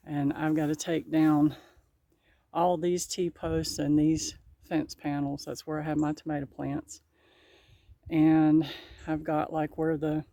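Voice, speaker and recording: Slow-talking folksy woman gardener. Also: sits low, gravelly, dark tone. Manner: folksy, chatty, laughs often. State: a little out of breath. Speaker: gardening vlogger. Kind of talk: casual vlog narration. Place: outdoors in a garden.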